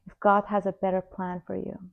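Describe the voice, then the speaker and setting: A woman's voice: mid-range voice, flat delivery, gravelly. Reflective woman from Iran in her forties. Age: 40s. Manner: slow, reflective, heartfelt. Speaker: vlogger. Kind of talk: personal life story told to camera. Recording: slightly dull lo-fi sound.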